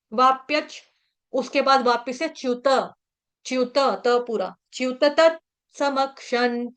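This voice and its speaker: A woman with a high voice teaches verse chanting at an unhurried pace. She breaks words into syllables and repeats them patiently. She sings the verse lines drawn out and slow. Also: a bit bright. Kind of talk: recitation lesson, chanting and explaining pronunciation.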